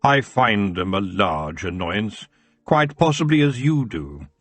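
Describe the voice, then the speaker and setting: A man reading an audiobook, voicing a huge, menacing male elf king who talks slowly and smoothly. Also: lowish voice, big pitch swings, fairly bright tone, voice pushed down, full character voice. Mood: lazy, cold. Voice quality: smooth, drawling. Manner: slow, lazy and silky, turning cold. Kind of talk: audiobook character voice.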